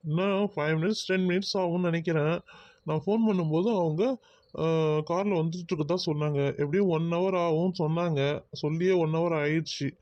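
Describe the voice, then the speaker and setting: A man's voice: fairly high pitch, fairly even intonation, brisk, darkish tone, dry recording, highs cut off, natural voice. A man voicing an exasperated young man in a cartoon who dodges talk of marriage. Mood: explaining. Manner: exasperated, groaning asides. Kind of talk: cartoon voice acting.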